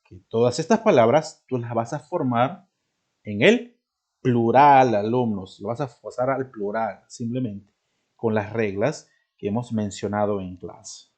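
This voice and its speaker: A man's voice: medium pitch, darkish tone. A male teacher giving a recorded grammar lesson, explaining step by step and checking in with his students.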